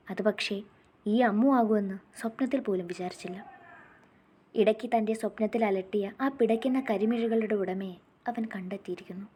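A woman narrating a love story in a gentle, intimate way, speaking straight to her listeners. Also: mid-range voice, breathy edge.

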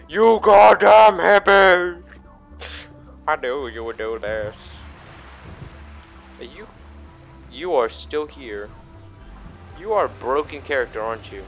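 Hosting a playthrough of a video game, this man has a gravelly voice pitched a little high. His commentary wanders, full of casual swearing and theatrical hamming, and now and then he lets out a mock shout.

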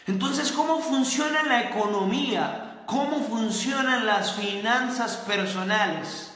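Male motivational host, blunt and forceful, high-pitched, recorded in a roomy space with a long echo. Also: takes it slowly. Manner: forceful, blunt, repeats key phrases. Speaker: self-help video host. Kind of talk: motivational live-stream talk. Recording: very echoey room with long reverb.

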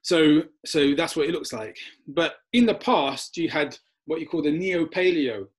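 A man's voice: a little high, animated, a little slow, breathy edge. A man giving an informal Bible teaching, chatty and rambling, often restarting his sentences.

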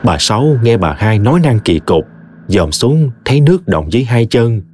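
A man's voice: medium pitch, moderate pace, slight background noise. A man, expressively narrating a scripted horror story. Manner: expressive, vivid.

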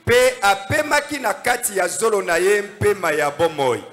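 A man's voice: sits high, normal speed, a bit bright. A man reciting scripture in a sing-song chant during a sermon. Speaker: scripture reader.

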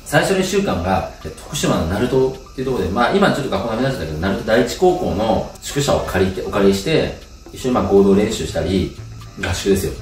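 A lowish-voiced young man tells stories from his own life in casual chat, talking quickly and swinging his voice widely. He laughs often and acts out the people he quotes. His voice sounds a little distant and roomy, with faint music playing underneath. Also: big pitch swings. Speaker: channel host telling life stories. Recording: roomy, off-mic with music behind.

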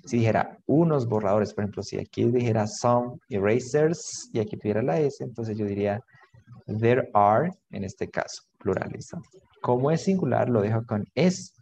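A man's voice: medium pitch, lively intonation, moderate pace, gravelly, darkish tone, slight background noise, rough recording. A man teaching an online English grammar lesson, patiently repeating words and switching between English and to explain.

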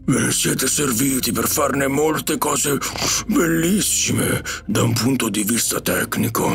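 A man voicing a calm, wise pig-like alien beast in an audiobook, speaking in a measured, reflective way. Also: mid-range voice, husky. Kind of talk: audiobook character reading. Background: faint music.

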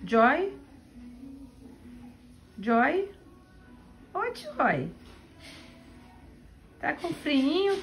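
A woman's voice: sits high, a little hiss or hum. A woman who owns the dogs, talking to her pets in coaxing baby talk in a casual home video. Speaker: dog owner.

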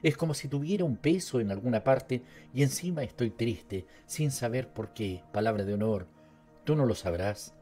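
A man's voice: mid-range voice, animated, normal speed, mellow, soft background music, close to an everyday voice. A man with a Latin American Spanish accent voicing a troubled, plump middle-aged butcher who talks in an anxious, plaintive way. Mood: worried.

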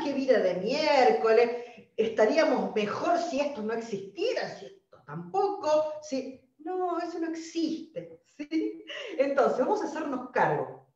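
A woman's voice: sits high, reverberant, distant mic, muffled recording. A woman with an Argentine accent hosting a live-streamed spiritual wellness talk, emphatic and speaking straight to her viewers. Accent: Argentine Spanish. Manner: animated, emphatic, addresses viewers directly. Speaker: holistic wellness host.

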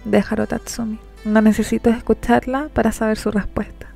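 Woman playing a stern rich young girl, bossy, cool, slight rasp. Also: a little high, little pitch movement, fairly quick, warm tone, faint music behind. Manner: commanding, stern.

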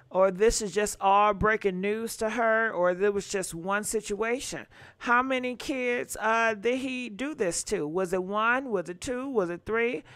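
A woman's voice: a little high, fairly bright tone, clear, resonant tone, dry recording. A woman hosting a gossip channel, chatting casually to her viewers and asking what they think. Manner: chatty, asks viewers questions.

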